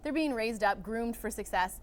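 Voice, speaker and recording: A woman's voice: a little high, moderate pace, a little hiss or hum. A woman guest on a daytime TV show, walking the host through a salad recipe and talking about her cookbook. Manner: earnest, laughs easily, instructive. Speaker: guest cook and cookbook author. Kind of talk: cooking demonstration chat. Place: TV studio kitchen set.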